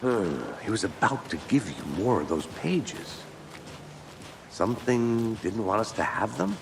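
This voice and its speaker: Game role: middle-aged male cop, very low gravel, dry, weary, understated, ambient noise around him. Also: very animated, a little slow, exaggerated voice. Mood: pensive, dry. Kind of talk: video game voice acting.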